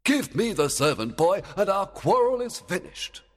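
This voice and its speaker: A man's voice: high voice, very animated, normal speed, in a large hall, voice pushed up. Man doing a scheming fairy king, raised voice, stern, gloating, storybook. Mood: commanding. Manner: commanding and gloating. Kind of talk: storybook read-aloud.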